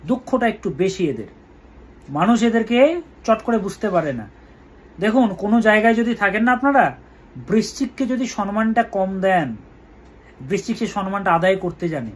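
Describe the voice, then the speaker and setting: Man astrologer with a high voice, slow emphatic delivery with chanted mantras. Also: lively intonation. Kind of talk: weekly horoscope talk.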